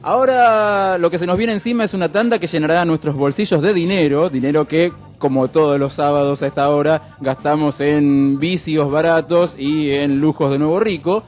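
A man with an Argentine accent hosting a radio show, explaining things in a wry, relaxed way with lots of fillers. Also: fairly high pitch, normal speed, hardly any pauses, soft background music. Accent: Argentine Spanish. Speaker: radio host. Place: radio studio.

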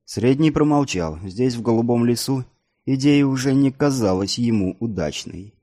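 A man narrating an audiobook in a steady, even storytelling manner. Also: mid-range voice, moderate pace.

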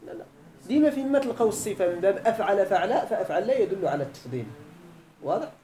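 A man's voice: high-pitched, animated, very fast, mellow, reverberant. A man with a Moroccan accent giving a grammar lecture, often checking that his students follow. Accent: Moroccan Arabic. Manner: quizzes students with repeated questions. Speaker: teacher of Arabic grammar. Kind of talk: classroom lecture. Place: lesson hall.

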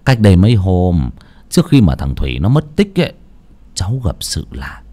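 Audio storybook: narrator doing a gruff village man, barking and scolding. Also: deep voice, huge pitch swings, normal speed, full character voice. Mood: uneasy. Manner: gruff, shouting when scolding.

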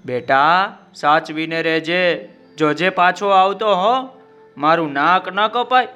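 A man's voice: high-pitched, slow pace, clear, resonant tone, highs cut off, soft background music, full character voice. A man voicing a proud male nomad trader in a children's story, angry at first and then grieving. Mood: tender. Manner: shouting in anger, then wailing in grief.

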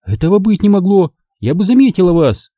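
A man reading an audiobook and voicing a scheming, easily flustered wealthy woman who turns shrill and indignant. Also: animated, normal speed, dark tone, dry recording. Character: anxious scheming wealthy middle-aged woman.

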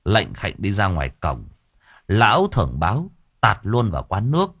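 Lively storyteller man. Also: on the low side, normal speed, slightly rough, no room sound, studio quality. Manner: lively, crude colloquial storytelling. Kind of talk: audiobook narration.

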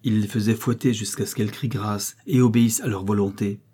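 A man's voice: on the low side, fairly even intonation, brisk, mellow, breathy edge. A man voicing a cold, haughty aristocratic husband who questions sternly and threatens harshly. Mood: menacing.

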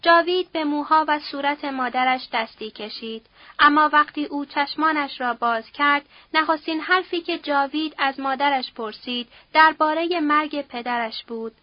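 A woman reading a novel aloud as an audiobook narrator in a steady, somber storytelling manner. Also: high voice, no room sound, lo-fi sound. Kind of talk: scripted narration.

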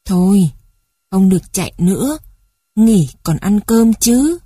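A woman voicing an old male servant who gently coaxes and scolds a child. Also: medium pitch, lively intonation, slow, breathy edge, no room sound. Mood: coaxing. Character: old male family servant, fussy and kindly.

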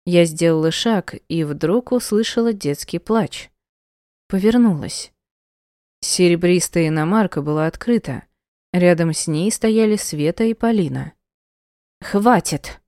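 A woman narrating a first-person audiobook in a measured, emotional storytelling manner. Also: on the low side, mellow, dry recording, studio quality.

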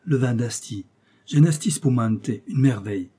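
A man voicing an excitable Italian male host who pleads agitatedly and turns furious, in a storybook reading. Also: mid-range voice, normal speed, husky, close to an everyday voice. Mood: effusive.

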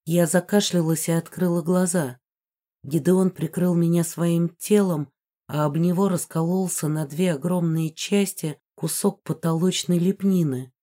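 A woman narrating a first-person fantasy novel in an even, measured storytelling voice. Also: lowish voice. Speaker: audiobook narrator.

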